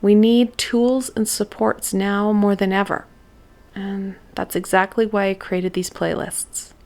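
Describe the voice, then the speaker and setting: Woman, spiritual card reader, gentle, encouraging, medium voice, unhurried. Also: medium pitch, level tone. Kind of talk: monthly oracle card reading.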